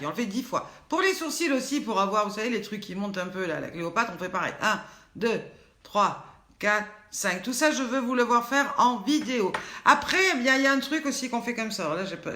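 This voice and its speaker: A woman's voice: mid-range voice, sharp tone, reverberant. An older woman hosting a live video show, chatting loosely and poking fun at herself while leading face exercises. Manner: chatty, rambling and self-mocking. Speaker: host of a daily live show. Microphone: phone camera.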